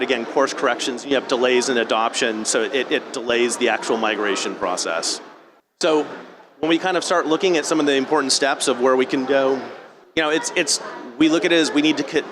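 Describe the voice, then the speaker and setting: Conversational man presenting over clear background noise. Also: medium pitch. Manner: conversational, often repeats and rephrases mid-sentence. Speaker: company presenter at a technology conference. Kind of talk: informal technical presentation. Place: live talk at a conference venue.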